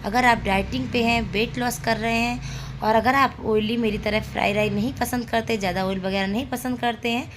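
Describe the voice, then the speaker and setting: A woman's voice: a little high, fairly even intonation, normal speed, noisy background. A woman, a mother of young children, chatting homely and playfully as she cooks in her home kitchen for her cooking channel. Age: adult, a mother of young children. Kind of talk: casual cooking vlog narration.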